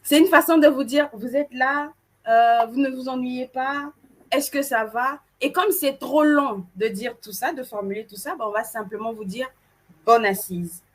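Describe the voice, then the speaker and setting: Woman co-host from Cameroon, animated and playful with the crowd, slightly high pitch. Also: moderate pace. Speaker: event co-host. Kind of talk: casual presenting to an audience.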